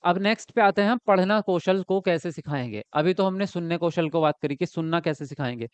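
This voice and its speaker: A man's voice: fairly high pitch, a little fast, clean tone, dry recording. A man teaching an exam-prep lesson, asking questions and answering them himself, often ending points with a checking tag.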